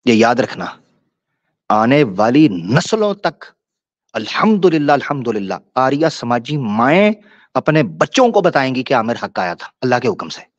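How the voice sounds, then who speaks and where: A man's voice: medium pitch, very animated, moderate pace, no room sound. A man hosting a live-stream debate, ranting in a taunting, mocking and crude way. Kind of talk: combative live-stream rant. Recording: dull lo-fi stream audio.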